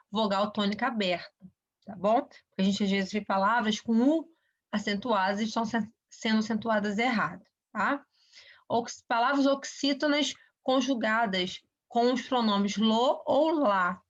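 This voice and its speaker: Woman teacher on a dull lo-fi recording. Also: fairly high pitch. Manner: explains slowly, checking in with "ok?" and "tá?". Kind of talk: recorded online grammar lesson.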